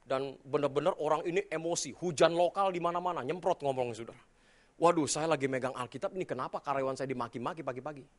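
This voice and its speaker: Middle-aged male preacher, raised pitch, comic storyteller. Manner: humorous animated storytelling, addresses the congregation often. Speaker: pastor. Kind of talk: sermon.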